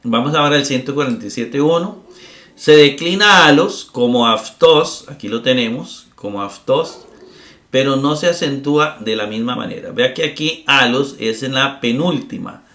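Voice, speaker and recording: In an echoey room, a middle-aged man teaches a recorded Greek grammar lesson with a medium-pitched, fairly bright voice. He patiently takes it step by step, frequently checking with "¿verdad?" and pausing on "eh."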